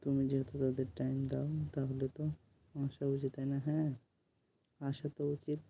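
A man doing a late-night live stream from home, speaking softly so he won't wake the household and repeatedly asking viewers to comment. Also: mid-range voice, completely flat delivery, normal speed, gravelly, lo-fi sound, slight background noise. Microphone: phone.

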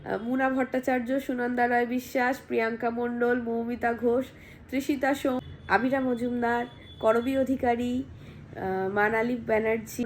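A woman vlogger, hoarse from a cold, chatting casually at home and reading out viewer comments. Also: a little high, darkish tone, slight background noise. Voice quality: husky, gravelly.

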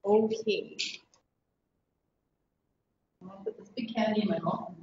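A woman's voice: mid-range voice, steady tone, takes it slowly. A woman teaching a class in a casual, chatty way, often laughing as she explains. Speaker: instructor. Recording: echoey, distant, dull classroom recording.

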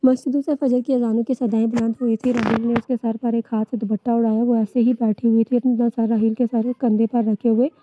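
Woman reading a novel in a dark voice. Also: a little high, flat delivery, brisk, few pauses. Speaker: narrator. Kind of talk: novel read aloud. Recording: dull lo-fi, dry.

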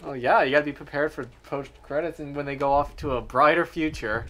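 A man's voice: fairly high pitch, brisk, bright, forceful tone. A man playing through a horror video game and teasing his friends in casual chat. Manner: dry teasing, playful. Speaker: player of the game.

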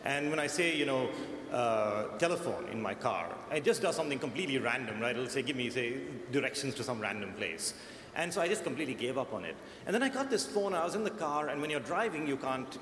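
This man's medium-pitched voice has a slightly bright edge, and his accent mixes American and Indian influences. Serving as a search engineer panelist, he speaks with care and keeps restarting phrases. The recording, made in a large conference hall, is echoey with a little background noise.

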